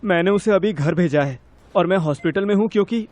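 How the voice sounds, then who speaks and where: An actor playing a young man calmly calling a friend from a hospital. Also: sits high, fairly quick, natural voice.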